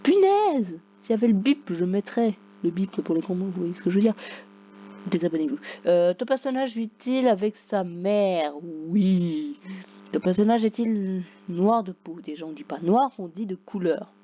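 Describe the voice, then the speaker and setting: Woman gamer host, lowish voice, playful running commentary with loud bursts; dull lo-fi recording. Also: normal speed. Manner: reads game questions aloud, jokey, outbursts. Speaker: gaming YouTuber. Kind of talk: casual gameplay commentary. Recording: dull lo-fi recording with faint hum.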